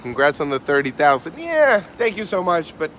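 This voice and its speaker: A man hosting a theme park live stream with friends, joking loudly and answering chat comments. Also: a little high, sing-song, normal speed. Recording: outdoor noise from the park.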